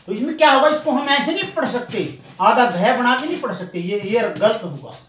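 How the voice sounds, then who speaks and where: A man teaching a Hindi spelling lesson, explaining step by step and drawing out each syllable slowly. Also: very high-pitched, expressive, fairly bright tone. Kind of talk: classroom spelling lesson at a board. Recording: echoey room, far from the mic, faint noise.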